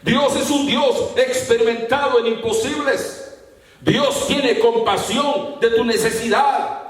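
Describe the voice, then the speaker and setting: A man with a very high voice preaches a fervent sermon and now and then rises to a shout. He stands well back from the microphone, and the room rings with heavy echo. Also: steady tone, takes it slowly. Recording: very echoey room, mic far off.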